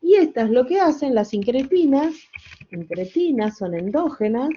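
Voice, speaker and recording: A woman's voice: high voice, animated, normal speed, dark tone, breathy edge, lo-fi sound. An older woman giving a classroom lecture, explaining step by step with rhetorical questions, wry asides and frequent self-corrections. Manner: self-correcting, checks understanding with "¿sí?" and "¿no?". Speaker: university lecturer.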